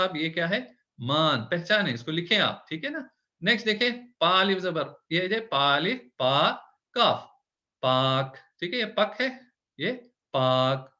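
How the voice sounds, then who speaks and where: A man teaching an online Urdu lesson, patient, repeating words slowly and checking often that the learner follows. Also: fairly high pitch, pushed and bright. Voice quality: Hindi-English code-switching. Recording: dull lo-fi recording.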